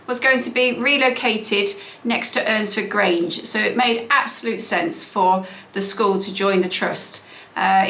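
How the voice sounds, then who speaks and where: A fairly high-voiced woman speaks to parents in an earnest, reassuring way, now and then pausing on an "uh" or "um". The room around her echoes. She sounds like a school leader giving a prepared talk. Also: sharp tone. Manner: earnest and reassuring, with frequent fillers. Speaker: trust CEO and head teacher.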